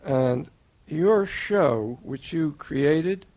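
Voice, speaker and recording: An older man giving an earnest, measured tribute as interviewer, laying out his points one by one. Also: a little high, animated, darkish tone. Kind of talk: formal tribute speech.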